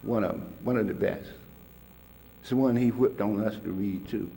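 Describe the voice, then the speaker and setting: A man's voice: fairly low pitch, normal speed, vocal fry, warm tone, a little hiss or hum. An older man telling stories to an audience in a colloquial way, chuckling often. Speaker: speaker recalling a mentor. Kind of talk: storytelling talk to an audience.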